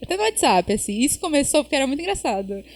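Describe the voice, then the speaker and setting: A woman's voice: high voice, rapid-fire. A woman telling funny family anecdotes on a church podcast, often laughing. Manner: laughing, animated storyteller. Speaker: podcast guest. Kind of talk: casual church podcast conversation.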